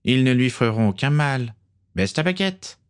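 A man's voice: medium pitch, moderate pace, pitched above the performer's own voice, lightly acted. A man voicing a cold, commanding male vampire ship's officer who hisses his orders in a storybook reading. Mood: stern. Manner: stern, commanding, hissing.

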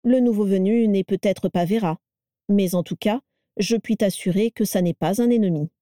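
A haughty, icy aristocrat speaks with quiet menace in a mellow, dark tone, read by a woman narrator. It sits close to the mic in a dry recording. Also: medium pitch, moderate pace, dry recording, natural voice. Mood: cold. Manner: calm, cold and menacing. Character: cold, aristocratic older wizard, menacing and calm.

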